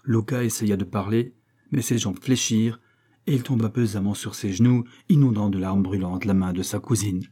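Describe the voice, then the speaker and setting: A man narrating an audiobook in a measured literary style. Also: lowish voice, warm tone, breathy edge. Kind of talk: audiobook reading.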